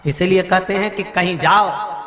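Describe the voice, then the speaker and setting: A man preaching a devotional sermon, telling animated fables to a crowd and chuckling as he goes, in a large hall with devotional music behind. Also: high voice, measured pace. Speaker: katha preacher.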